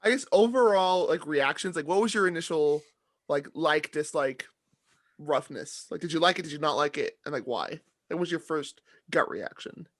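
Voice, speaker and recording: A man's voice: a little high, normal speed, no echo, studio quality. Young man chatting with lots of "like". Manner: relaxed, filler-heavy, lots of "like". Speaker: podcast co-host. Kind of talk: casual chat.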